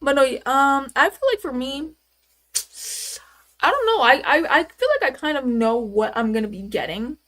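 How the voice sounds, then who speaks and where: A woman's voice: high voice, animated, normal speed, fairly bright tone. A woman in her twenties chatting casually on a live stream, rambling and answering viewers' questions with lots of fillers. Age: 20s. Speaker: livestreamer.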